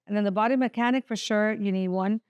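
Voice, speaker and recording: A woman hosting a casual podcast chat, animated and laughing, acting out little quotes. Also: mid-range voice, fast, smooth, no room sound, lo-fi sound. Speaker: podcast host.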